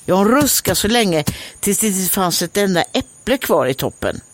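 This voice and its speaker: A woman's voice: mid-range voice, sing-song, no room sound. A woman with a Swedish accent reading a fairy tale aloud as a comedian, breaking off for joking asides. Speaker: comedian and host.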